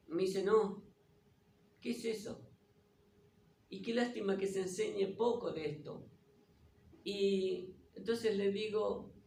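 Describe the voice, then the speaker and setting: A man preaches a testimony-based sermon and drives each point home with repeated questions. His voice sits high for a man and has a gravelly edge. He is heard from a distance in an echoey church room, with faint noise underneath. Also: a little mellow. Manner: retells dialogue with questions and repetition.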